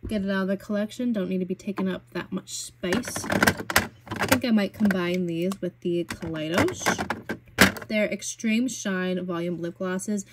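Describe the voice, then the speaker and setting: A young woman vlogging about beauty products in a casual, gushing, chatty way, full of fillers and excitement. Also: mid-range voice, unhurried, heavy background noise. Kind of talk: casual product swatching chat.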